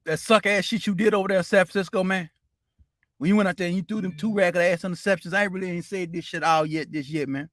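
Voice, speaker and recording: Male sports show host, high-ish voice, dry close sound, profane ranting delivery. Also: steady tone, quick pace, a bit bright, dry recording. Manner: loose, profane, says "man" constantly. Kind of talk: casual sports rant.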